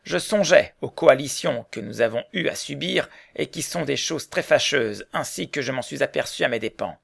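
A man reading the lines of an earnest middle-aged mill owner in a storybook, in a measured, serious way. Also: mid-range voice, expressive, gravelly, no room sound, clean studio sound.

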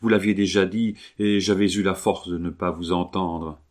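A man's voice: low-pitched, fairly even intonation, moderate pace, darkish tone, close to an everyday voice. An anguished young man in love, read by a man. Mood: despairing. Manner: tormented, despairing pleading. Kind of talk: audiobook reading.

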